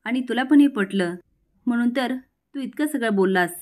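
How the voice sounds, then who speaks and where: A woman's voice: fairly high pitch, expressive, moderate pace, darkish tone, natural voice. A woman reading a defiant obsessive girl. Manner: insistent, defiant. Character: obsessive, stubborn young woman.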